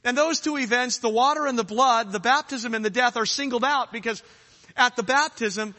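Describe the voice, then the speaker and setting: A man's voice: extremely high pitch, normal speed, sharp tone. A man preaching a sermon, urgent and rising to fervent challenges at times. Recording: long hall reverb.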